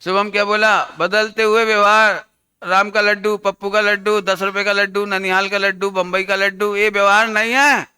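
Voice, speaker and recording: A man giving an interactive sermon as a Jain religious teacher, animated, quizzing his listeners and acting out little scenes. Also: sits high, moderate pace, clean tone.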